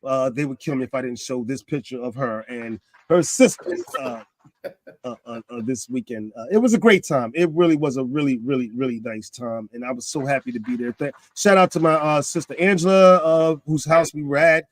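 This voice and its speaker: A man in his fifties hosting a casual talk show, animated, his pitch climbing when he gets excited. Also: a little fast, no echo. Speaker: podcast host.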